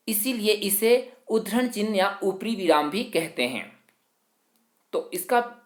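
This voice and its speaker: A man teaching a grammar lesson to students. He explains slowly, works through example after example, and keeps leaning on the same filler phrase. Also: high voice, echoey room. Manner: slow, explanatory, leans on the filler "jo hai".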